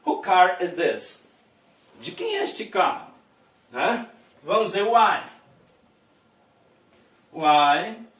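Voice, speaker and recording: This Brazilian English teacher speaks extremely slowly with frequent pauses, his high, slightly bright voice animated as he explains words. He repeats each phrase and checks in with the class often. A distant mic records him in an echoey room.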